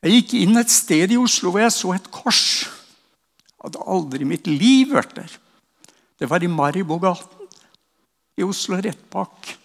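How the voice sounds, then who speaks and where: A man's voice: high-pitched, expressive. An older man from Norway giving an earnest testimony and prayer as a preacher. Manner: earnest storytelling, ends in slow prayer. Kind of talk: sermon testimony. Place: church hall. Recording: long hall reverb.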